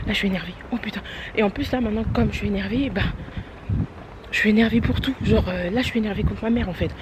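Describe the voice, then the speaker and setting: A young woman talking casually to her vlog audience as she rushes around town, exasperated and hurried, dropping English phrases into her speech. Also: mid-range voice. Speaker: vlogger. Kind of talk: casual day-in-my-life vlog chat. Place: outdoors on city streets and at a bus stop. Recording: street noise and passing vehicles behind.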